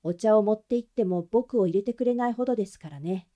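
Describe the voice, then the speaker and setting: A woman's voice: mid-range voice, fast, mellow, dull audio, close to an everyday voice. A woman voicing a talkative, breezy young male assistant. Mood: chatty.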